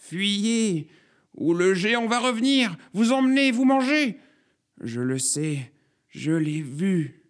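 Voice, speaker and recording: A man's voice: lively intonation, slow, a little mellow, exaggerated voice. A man voicing a frantic, wrinkled old female zucchini who pleads with the others to flee. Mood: frantic warning. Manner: shrill pleading warnings.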